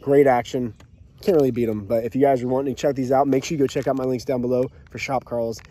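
Excitable young guy fishing from a boat. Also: mid-range voice, quick pace. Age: young adult. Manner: excitable, rambling chatter. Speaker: fishing channel host. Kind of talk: casual outdoor fishing vlog. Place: small boat on a lake outdoors. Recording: outdoor boat audio with faint noise.

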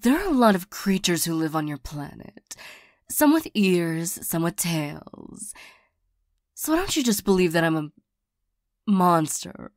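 A woman voicing a flirtatious, lonely female demon in an ASMR role-play, soft and partly soft-spoken, coaxing and teasing, easily irritated. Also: fairly low pitch, dry recording, clean studio sound. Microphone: close microphone.

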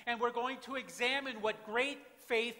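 A pastor, preaching a dramatic sermon that swings from hushed to loud, recorded from the back of a church. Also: male voice, very high-pitched, fairly even intonation, moderate pace. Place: church sanctuary with congregation. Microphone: far camera at back of church. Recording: reverberant church from far off.

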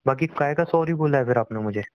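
A man plays a defensive young boyfriend, worn out and trying to reason calmly. His voice sits at an ordinary middle pitch. The sound is dry and dull, like a cheap phone-call drama recording. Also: fast talker, no room sound, lightly acted. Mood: exasperated. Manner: exasperated, pleading, reasoning. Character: frustrated young boyfriend, defensive but trying to stay calm.

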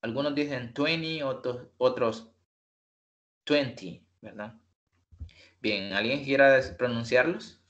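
A man's voice: medium pitch, a bit bright, highs cut off. A man teaching an online English class, explaining numbers patiently and mixing in English examples. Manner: patient, explains slowly, mixes English examples into his talk. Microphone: video call.

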